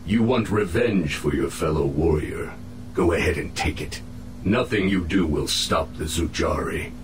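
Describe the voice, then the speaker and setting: A man voicing a captive alien infiltrator in a video game, solemn, proud and menacing, with formal, measured speech. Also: deep voice, echoey room, noisy background. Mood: defiant, menacing. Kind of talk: video game cutscene acting.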